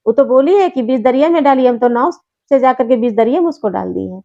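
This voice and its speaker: A woman's voice: high-pitched, animated, quick pace, dark tone. A woman voicing a naive young son who pleads with his mother, in a slightly muffled recording. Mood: pleading.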